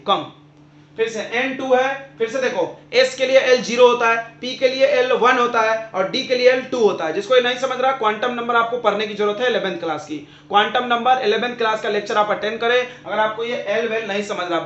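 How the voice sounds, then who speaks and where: A man with a high voice teaches a chemistry class, repeating his questions and answering them himself so the students follow. He sounds roomy and echoey. The recording is dull and lo-fi. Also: fairly bright tone. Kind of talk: classroom lecture.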